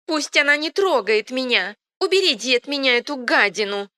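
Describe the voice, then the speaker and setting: A woman voicing a senile, ancient queen and witch with a creaky, shrill voice in an audiobook. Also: very animated, takes it slowly, bright, forceful tone, exaggerated voice. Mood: shrieking. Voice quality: creaky, shrieking. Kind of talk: audiobook reading.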